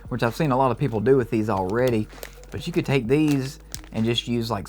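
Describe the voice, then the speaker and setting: A man giving an enthusiastic, casual review of low-carb snacks, reacting as he tastes them. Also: a little mellow. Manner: upbeat, enthusiastic tasting reactions. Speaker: food reviewer. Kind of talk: casual product review vlog.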